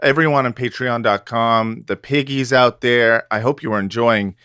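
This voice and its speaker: Male comic podcast co-host, mid-pitched, rambling banter, dry close mic. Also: fairly even intonation, moderate pace, bright, forceful tone, clear, resonant tone, dry recording. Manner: joking, rambling with fillers. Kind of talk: casual comedic podcast chat.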